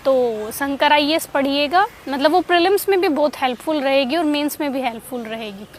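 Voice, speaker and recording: A woman's voice: high-pitched, brisk, slight background noise. A woman giving casual, conversational study advice with frequent fillers and restarts, as someone who passed the exam.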